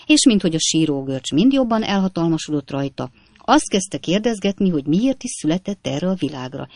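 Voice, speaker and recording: A woman reading a classic novel aloud in an even, measured storytelling manner. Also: sits low, no echo, clean studio sound. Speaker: audiobook narrator. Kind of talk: scripted narration of a classic novel.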